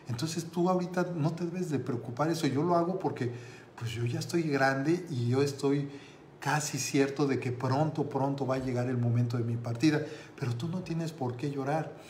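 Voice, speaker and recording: A man's voice: medium pitch, normal speed, a little mellow, slight background noise, close to an everyday voice. A man telling of a tearful old lama, roomy sound. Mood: gentle. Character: tearful old male lama fearing judgment. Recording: roomy with faint ambience.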